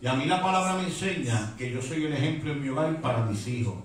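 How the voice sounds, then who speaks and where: Fervent Puerto Rican preacher, echoey hall. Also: male voice, mid-range voice, fast talker, distant mic. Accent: Puerto Rican Spanish. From Puerto Rico. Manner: fervent, switches to English words. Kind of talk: Pentecostal sermon. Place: church hall.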